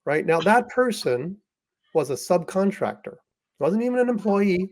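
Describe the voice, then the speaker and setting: A man's voice: high voice, very animated, unhurried, dry recording. A man hosting an interview, telling a story with enthusiasm and plenty of fillers and restarts. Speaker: podcast host and author.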